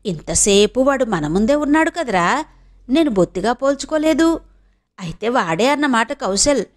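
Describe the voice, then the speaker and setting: A woman's voice: on the high side, sing-song, normal speed. A woman voicing a rustic middle-aged village mother who talks bluntly and impatiently in an audiobook. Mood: eager. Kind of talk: audiobook character reading.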